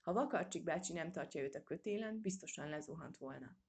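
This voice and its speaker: A woman reading a children's storybook aloud in a steady, measured way. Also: low-pitched, husky. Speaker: audiobook reader. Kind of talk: storybook narration.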